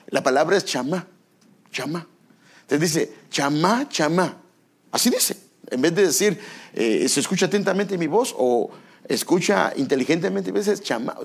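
A man's voice: a little high, vocal fry, slightly rough. A male pastor preaching a sermon, asking the congregation rhetorical questions and stressing repeated words.

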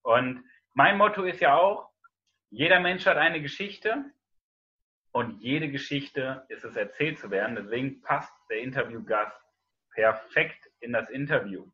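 A man's voice: mid-range voice, expressive, a little slow, bright, forceful tone, highs cut off. A man hosting an interview, enthusiastic as he introduces his guest. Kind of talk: casual interview talk.

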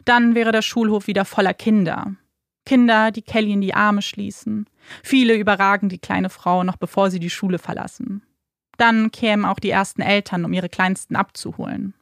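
Gravelly woman narrating true crime. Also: medium pitch, no room sound, studio quality. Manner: measured, dramatic storytelling. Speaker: podcast narrator.

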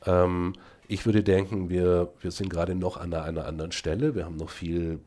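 A middle-aged man speaks as a guest on a podcast, his voice sitting fairly low. He keeps stopping to hunt for words with "äh" and "ähm". Then he drives his arguments home with firm emphasis. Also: steady tone, brisk, mellow. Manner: hesitant with many fillers, then emphatic. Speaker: guest, speech technology researcher. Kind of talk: podcast conversation.

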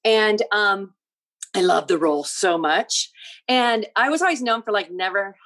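A middle-aged woman, a podcast guest, telling an animated story with laughter and acted-out quotes. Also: medium pitch, a little slow, low-quality recording. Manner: lively, laughing, acts out quoted lines. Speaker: podcast guest, theater artistic director.

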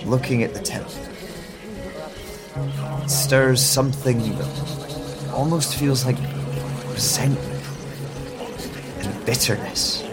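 In a mid-range voice, a man narrates a first-person audio drama slowly and in a hushed, introspective way, with a music score and rain audible beneath him.

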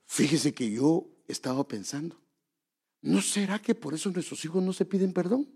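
This is a man preaching to his congregation in an earnest, exhorting tone. His voice sits slightly high and swings widely in pitch, with a gravelly edge. He keeps putting rhetorical questions to his listeners. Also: expressive, normal speed, darkish tone. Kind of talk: sermon.

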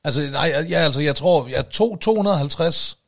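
Gravelly man with dry, teasing quips. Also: a little high, animated. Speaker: podcast co-host. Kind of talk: casual chat.

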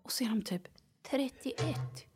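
High-voiced woman ranting dramatically. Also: lively intonation, darkish tone. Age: middle-aged. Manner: dramatic, swears a lot, drops to whispered asides. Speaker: podcast co-host. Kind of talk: casual chat.

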